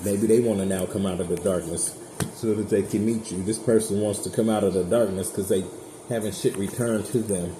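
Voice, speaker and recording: A man's voice: fairly low pitch, steady tone, brisk. A man giving a casual tarot reading straight to his viewers, chatty, blunt and profane. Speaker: tarot reader. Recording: echoey room with background noise.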